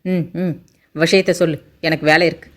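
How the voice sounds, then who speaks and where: A woman voicing a sharp-tongued, quick-tempered 18-year-old village girl in a Tamil audiobook. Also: low-pitched, steady tone, natural voice. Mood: irritated. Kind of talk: audiobook character voice.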